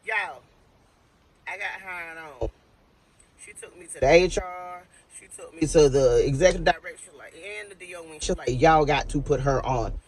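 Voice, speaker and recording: A woman's voice: on the low side, moderate pace, a little mellow, poor audio. A woman who works as a nurse, telling a story to her viewers in a casual, emphatic way and calling them y'all.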